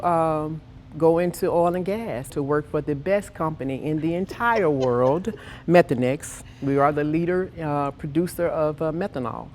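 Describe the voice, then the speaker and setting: A woman's voice: low-pitched, a little mellow, a little hiss or hum. A woman guest on an industry panel who talks in an enthusiastic, emphatic way. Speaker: guest, methanol industry employee. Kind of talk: panel interview.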